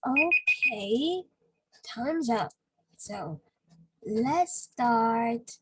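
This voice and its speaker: A woman's voice: fairly high pitch, animated, heavy background noise. A woman English teacher from Vietnam with a Vietnamese accent, patiently correcting and explaining words in a speaking lesson. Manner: patient, corrective, explains word choices slowly.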